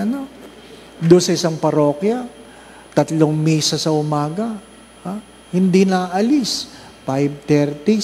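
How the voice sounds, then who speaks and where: Male priest, sermon, fairly high voice, playful rhetorical questions, long church echo. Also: a little mellow, a little hiss or hum. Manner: humorous storytelling, asks the congregation rhetorical questions; slow emphatic listing of works of mercy. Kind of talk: Advent recollection sermon.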